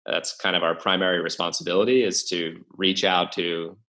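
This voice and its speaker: Appearing as a guest on a podcast, this young venture investor talks casually but hesitantly, stumbling through fillers and restarts. His voice is low and sharp-toned, with little pitch movement, at a normal pace.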